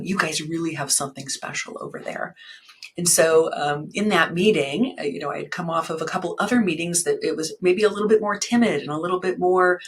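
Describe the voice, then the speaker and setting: A woman's voice: low-pitched, fairly bright tone, slightly rough. A woman hosting a podcast, talking with enthusiasm and frequent ums as she introduces and interviews a guest. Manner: enthusiastic, many ums and restarts. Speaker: podcast host and fundraising consultant.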